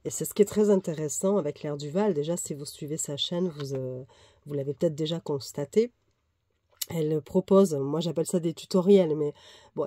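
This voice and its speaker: A woman with a head cold, congested and slightly nasal, casually reviews a tarot deck and reads passages aloud, with fillers and self-corrections. Her voice sits low and warm, captured in a dry, studio-quality recording.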